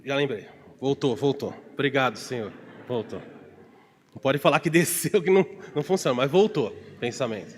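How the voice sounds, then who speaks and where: A man preaching a Bible study as pastor, telling stories with digressions and humor and acting out shouted calls with big pitch jumps. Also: lively intonation, a little fast, big-room sound, slight background noise. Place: church.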